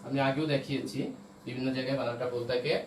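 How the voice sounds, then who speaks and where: A man's voice: medium pitch, level tone, very fast. A man teaching an online class, explaining step by step and often checking that his students follow. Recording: roomy echo, voice from a distance, faint noise.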